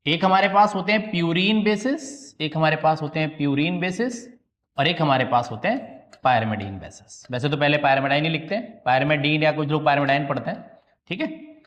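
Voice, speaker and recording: A man's voice: fairly high pitch, fairly bright tone. A man teaching a biology class, asking questions and answering them himself, repeating key terms and checking that students follow. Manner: calls students "beta", checks they understood. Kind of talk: classroom lecture at a slide board.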